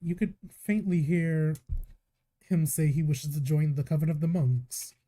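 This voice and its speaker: A man narrating a live tabletop game as game master, telling the story calmly and slipping into short in-character lines. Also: on the high side, unhurried. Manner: calm storytelling with in-character asides.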